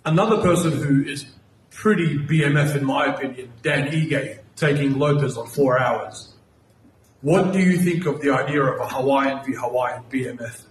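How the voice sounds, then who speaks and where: A man's voice: mid-range voice, moderate pace. A man working as a reporter asks a casual, chatty question at a press conference. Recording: echoey room, faint noise.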